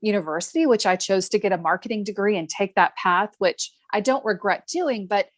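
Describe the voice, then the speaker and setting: A woman's voice: mid-range voice, dry recording. Earnest woman guest on a dry mic. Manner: thoughtful, earnest, measured storytelling. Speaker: podcast guest. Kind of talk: reflective interview storytelling.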